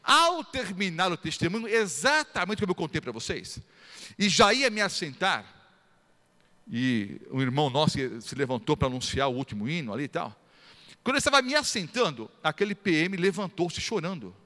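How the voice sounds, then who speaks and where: Lively pastor in a reverberant hall. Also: male voice, a little high, brisk. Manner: animated storytelling, acts out quoted voices. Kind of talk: sermon with testimony.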